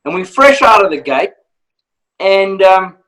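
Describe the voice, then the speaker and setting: High, bright-voiced man telling a story. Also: measured pace, rough recording. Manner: animated, laughing, acts out voices. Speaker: professional hunter. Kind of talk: casual storytelling.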